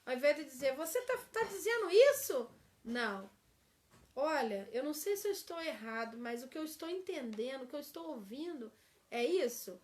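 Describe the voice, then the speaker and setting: High-voiced woman teaching couples. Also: lively intonation, a little fast. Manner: acts out example phrases, asks the class "né?". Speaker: church seminar teacher.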